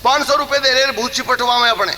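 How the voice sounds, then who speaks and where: High, bright-voiced folk preacher. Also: male voice, a little fast, in a large hall, slight background noise, low-quality recording. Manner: animated, acts out voices and breaks into song. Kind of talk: Haryanvi kissa storytelling with sung refrains.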